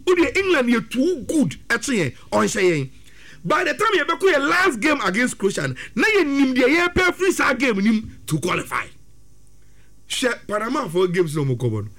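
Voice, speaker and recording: A man with a Ghanaian accent giving animated football analysis, mixing languages and breaking into quick excited bursts. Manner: excitable, rapid, rising to high-pitched bursts. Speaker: football pundit. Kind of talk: animated sports talk mixing Twi and English.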